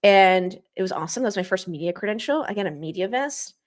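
A young woman, a motorsport streamer, chatting as a guest in an interview, bubbly and animated as she tells stories. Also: mid-range voice. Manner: bubbly, animated storytelling with quick asides. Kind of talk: casual interview chat.

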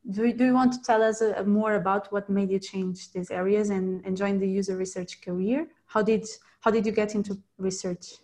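A woman's voice: medium pitch, steady tone, moderate pace, hardly any pauses, a little mellow. A woman hosts an interview podcast. She opens with a friendly, read introduction and then asks her questions, repeating words here and there. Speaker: podcast host.

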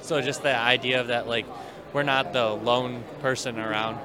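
A man's voice: medium pitch, steady tone, moderate pace, a crowd in the background. A young man from Minnesota giving rambling, casual interview answers. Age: young adult.

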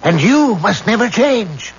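An actor playing a very old, dying mystic who speaks in a solemn, portentous and insistent way in a drama. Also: male voice, high-pitched, big pitch swings, full character voice. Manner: very old man, slow and portentous. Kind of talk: period drama acting. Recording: dull, noisy old recording.

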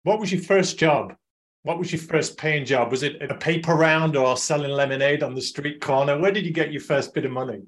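A man's voice: a little high, fairly quick. A man, presenting and interviewing as a podcast host.

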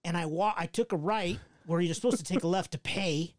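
A man co-hosting a podcast, telling a story in a casual, animated way, swearing freely and acting out his own panic. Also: sits high, a little fast, no echo, clean studio sound. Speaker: podcast co-host.

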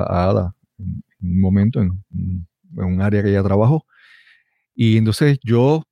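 A man hosting an interview, introducing his guest in an unhurried, reflective way. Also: on the low side, vocal fry, mellow, no room sound, clean studio sound. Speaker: host.

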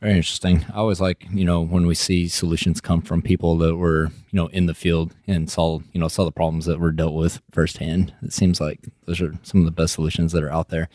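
Male podcast-style interviewer, West Texas accent, low voice, flat intonation, blunt and informal chat. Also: fairly quick, hardly any pauses, dry recording, clean studio sound. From West Texas, United States. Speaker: interview host.

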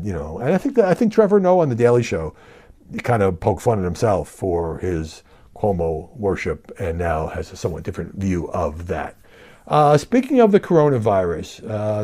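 Male TV news host, middle-aged, swooping emphatic delivery, relaxed dark tone. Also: fairly low pitch. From Brooklyn, New York. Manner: animated, emphatic, conversational. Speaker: news media commentator and show host. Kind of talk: televised news commentary.

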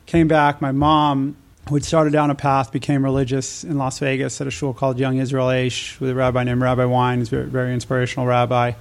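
His voice is mid-range and a little mellow. An American from New Mexico and Nevada, he appears as a podcast guest, narrating his life story conversationally in an even tone with little rise or fall.

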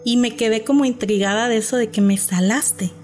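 A woman's voice: a little high, a little fast, soft background music. A woman with a Mexican accent, animatedly telling a personal story as a podcast guest and acting out the people in it. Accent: Mexican Spanish. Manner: animated, acts out quoted voices. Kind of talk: casual storytelling.

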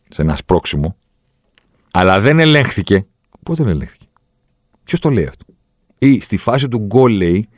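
Male pundit with a deep voice, insistently breaks down the rules. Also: darkish tone, dry recording, clean studio sound. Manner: explains rules insistently, acts out quoted voices. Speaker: football refereeing commentator. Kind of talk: opinionated talk-show monologue.

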